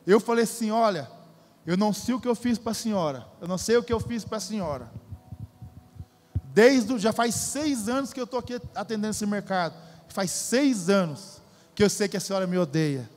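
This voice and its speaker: High-voiced Brazilian preacher in a reverberant hall. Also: male voice, lively intonation, normal speed, darkish tone. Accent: Brazilian Portuguese. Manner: emphatic, repeats phrases, addresses crowd as "querido". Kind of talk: sermon. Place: church.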